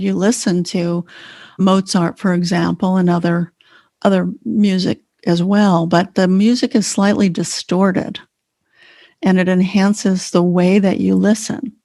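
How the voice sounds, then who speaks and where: A woman's voice: lowish voice, darkish tone, no room sound, studio quality. Earnest woman Feldenkrais teacher. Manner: earnest, explanatory. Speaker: podcast co-host, Feldenkrais teacher. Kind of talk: casual conversation.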